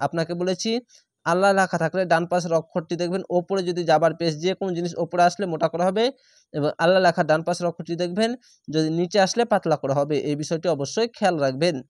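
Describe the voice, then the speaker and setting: High-voiced man spelling out recitation. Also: fast, no room sound, clean studio sound. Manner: spells each syllable, then draws out the recited word. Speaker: Quran reading teacher.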